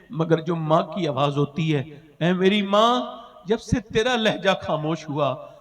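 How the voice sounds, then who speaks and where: A man preaching an emotional storytelling sermon, swinging between loud cries and hushed, half-sung lines. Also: on the high side, in a large hall.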